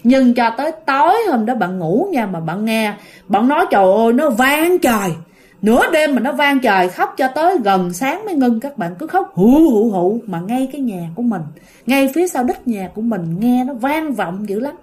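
A woman's voice: fairly high pitch, moderate pace. A woman telling a ghost story in a chatty, casual way, often talking straight to her listeners. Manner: chatty, addresses listeners directly, animated when telling scary parts.

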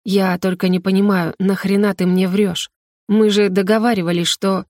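A woman's voice: medium pitch, flat delivery, normal speed, a little mellow, no room sound, studio quality, close to an everyday voice. A cold, menacing young man, as a woman reader plays him.

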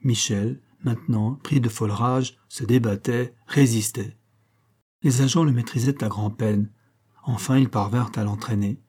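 Husky-voiced man narrating dramatically. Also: medium pitch, steady tone, normal speed, dark tone. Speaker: audiobook reader. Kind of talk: scripted narration of a crime novel.

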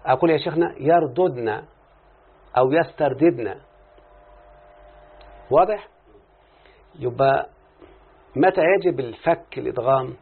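Speaking briskly in a mid-range, creaky, slightly rough voice with long pauses, a man with an Egyptian Arabic accent teaches grammar. He explains through examples and often checks that the listener follows, in a phone-like, muffled lecture recording.

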